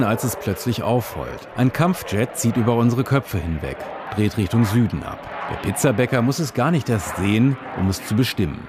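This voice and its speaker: A male reporter narrating a scripted radio report in a measured, descriptive way. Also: mid-range voice, background noise.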